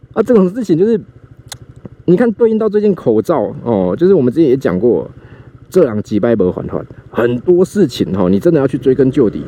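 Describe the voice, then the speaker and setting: Man, taiwanese mandarin accent, quick animated storytelling, mellow voice, faint traffic noise behind. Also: medium pitch. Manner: animated, acts out quoted voices. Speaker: podcast host. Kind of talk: casual storytelling while riding a scooter. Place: outdoors on a motorbike in city traffic. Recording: faint street and vehicle noise.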